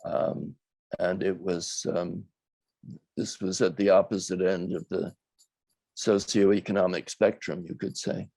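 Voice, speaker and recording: An older man, a documentary filmmaker, talks reflectively in an interview, choosing his words in a thoughtful, measured and hesitant way. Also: deep voice, little pitch movement, gravelly, mellow, no room sound.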